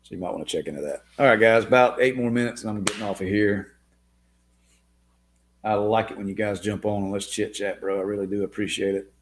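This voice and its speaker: A man's voice: on the low side, a little fast, a little hiss or hum. A man hosting a casual live Q&A stream, answering viewer comments in a laid-back way and calling listeners man and dude. His voice is wearing thin. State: losing his voice.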